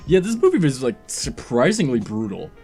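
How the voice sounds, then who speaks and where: A man's voice: mid-range voice, big pitch swings, darkish tone, husky, soft background music. A man co-hosting a casual film review chat, joking around and swearing freely. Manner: casual, swears freely, quick jokey asides.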